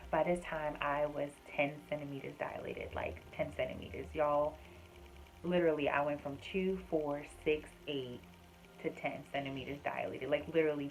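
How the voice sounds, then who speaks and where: A woman's voice: sits low, gravelly, slight background noise, low-quality recording. A young woman casually recounting a personal story to her viewers, chatty, with frequent fillers and addressing them as "y'all". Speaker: vlogger sharing her birth story.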